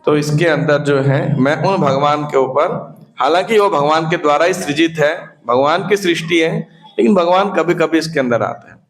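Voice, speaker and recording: Male teacher, slightly high voice, quizzes the class, mixes in English. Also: poor audio. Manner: questions the class, mixes in English, chants verses slowly. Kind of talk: scripture class lecture.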